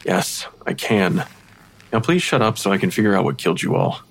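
An actor playing an exasperated pathologist who talks to ghosts, with a dry manner. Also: male voice, low voice, big pitch swings, brisk, gravelly, exaggerated voice. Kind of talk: audio drama acting.

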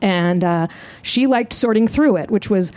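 A woman comedian telling a comic story live on stage, animated and self-mocking. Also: measured pace. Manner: animated, self-mocking, jumps into high voices. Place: live show outdoors.

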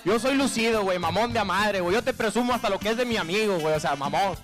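A man with a northern Mexican accent doing a crude stand-up comedy monologue, heavy on slang, who acts out women's lines in a higher squeal. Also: fast talker, a bit bright, faint music behind. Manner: crude slangy storytelling, constant filler tag.

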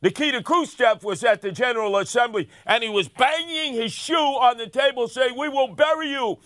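A man's voice: extremely high pitch, normal speed, a bit bright, no echo. An older man, delivering a brash, sarcastic comic talk radio monologue as host.

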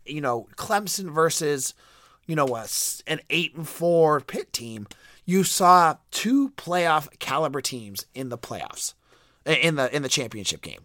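A man's voice: animated, measured pace, bright, forceful tone, dry recording. Congested male podcast host with a stuffy nose. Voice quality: voice squeaks and cracks a little. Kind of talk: solo sports podcast commentary.

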